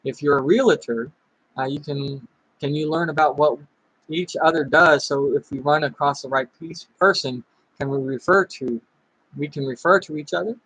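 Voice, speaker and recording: A man giving a recorded sales training talk while seated, with a halting, stop-start delivery full of restarts. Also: a little high, fairly bright tone, husky, dry recording, rough recording.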